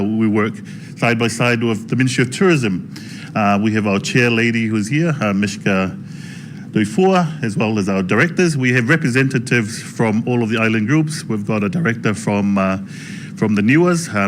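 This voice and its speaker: A man addresses a gathering as its presenter. His voice sits at a medium pitch, and his delivery is informal and halting, doubling back on phrases. The live conference room recording carries some faint noise. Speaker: tourism authority presenter introducing speakers. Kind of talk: informal public address at a launch event.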